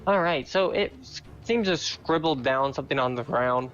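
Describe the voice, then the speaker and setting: Male game master, measured narrator, muffled lo-fi audio. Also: medium pitch, a bit bright, faint music behind. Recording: dull lo-fi mic.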